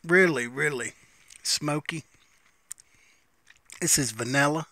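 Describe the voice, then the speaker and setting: A man's voice: a little high, takes it slowly, bright, forceful tone, a little hiss or hum. A man giving a casual, unscripted, folksy review, musing and repeating phrases as he smokes a pipe between them. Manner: talks while smoking a pipe between phrases.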